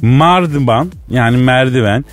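A man from Elazığ telling a comic story as a radio co-host, chatty and lively. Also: medium pitch, measured pace, faint music behind. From Elazığ, Turkey. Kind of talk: comic radio banter with a fake phone call.

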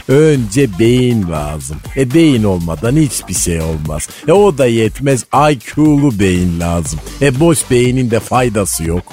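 A man plays a fussy know-it-all woman teacher, her voice fairly low as she lectures with a sharp tongue. Faint music runs under this radio comedy bit.

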